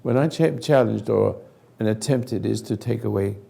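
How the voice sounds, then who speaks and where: An older man with a low, badly hoarse voice, as if gargling as he talks. It is thick with gravel and rasp. He leads a group conversation earnestly, in emphatic, broken phrases. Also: moderate pace, mellow. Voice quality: gargling, raspy, failing voice. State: hoarse, throat-clearing. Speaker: host leading a group conversation. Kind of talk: spoken counselling talk to a group.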